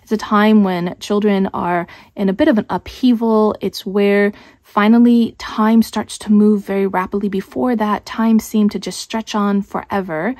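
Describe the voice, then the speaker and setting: Female host, casual explainer, mid-pitched, thinks out loud, dry close recording. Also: steady tone, normal speed, no room sound. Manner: conversational, thinks aloud with small restarts. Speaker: homeschool channel host.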